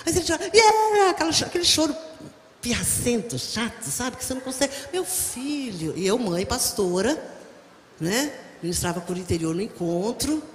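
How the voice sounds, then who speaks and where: A lively middle-aged Brazilian woman pastor delivers a sermon in a high, animated voice, joking with the congregation. Her words ring out in a large reverberant church hall with faint room noise behind. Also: a little fast. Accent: Brazilian Portuguese. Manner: animated, humorous, addresses the congregation directly. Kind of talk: sermon with storytelling. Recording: echoey hall, faint ambience.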